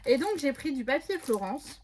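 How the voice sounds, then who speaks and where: A high-pitched woman talks casually to her viewers, chatty and rambling, full of little hesitations. She records in her home craft room at a desk, with a faint hiss in the background. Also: very animated, moderate pace, a little mellow. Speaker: scrapbooking vlogger. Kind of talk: casual haul video chat.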